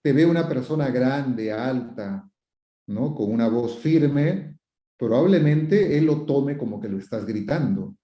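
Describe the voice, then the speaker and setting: His voice is mid-range and mellow, expressive and measured as he works through viewers' questions as a psychotherapist. The advice comes wrapped in repetitions and rhetorical questions, with quoted questioners and acted-out sample phrases, all captured in a dull, roomy lo-fi recording.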